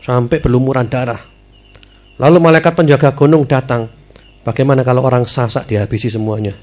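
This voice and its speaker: A middle-aged male preacher, telling stories in a sermon, swinging from loud bursts to hushed asides. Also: mid-range voice, steady tone, brisk.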